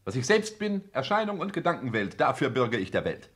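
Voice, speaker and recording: The same role, a calculating social climber in a 1960s German radio drama, is voiced with clipped, pompous, formal declamation. This time the man's medium-pitched, slightly bright voice is very animated and a little fast, sounding haughty and insistent.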